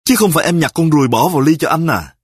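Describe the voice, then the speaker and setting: A man playing a sick, petty husband who scolds his wife in rapid-fire accusations in a spoken story. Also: on the high side, lively intonation, breathy edge, dry recording, clean studio sound, pitched above the performer's own voice. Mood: grumbling. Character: sick, petty, quarrelsome husband, self-righteous.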